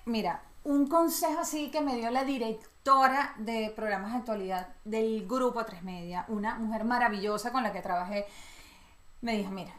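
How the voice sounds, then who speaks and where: Bright Venezuelan woman, lively storyteller. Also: fairly high pitch, normal speed. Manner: lively storyteller who acts out quoted lines. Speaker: guest journalist. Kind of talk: casual interview chat. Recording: roomy echo.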